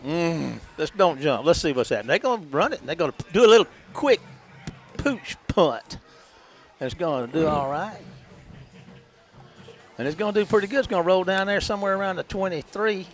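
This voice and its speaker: A man calling a high school football game on local radio in a folksy, chatty way, laughing easily. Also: lively intonation, a little fast. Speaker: play-by-play announcer.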